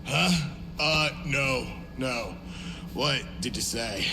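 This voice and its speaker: A man playing an exhausted, determined military commander in a game cutscene, terse and intense with a gravelly voice. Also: medium pitch, extremely slow, noisy background. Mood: weary, subdued. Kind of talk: dramatic game cutscene acting. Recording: music behind the voice.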